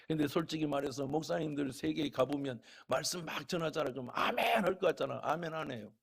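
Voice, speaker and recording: A middle-aged man preaching a church sermon, telling folksy stories and swinging between loud calls to the congregation and quiet, chatty asides. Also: a little high, fast, creaky, breathy edge. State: a little unwell. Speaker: pastor.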